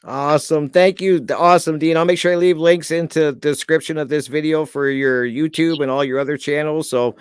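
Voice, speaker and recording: Upbeat podcast host man, smooth voice. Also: fairly high pitch, fairly even intonation, fairly quick, few pauses, dry recording. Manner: friendly and encouraging, repeats praise. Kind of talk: casual interview chat.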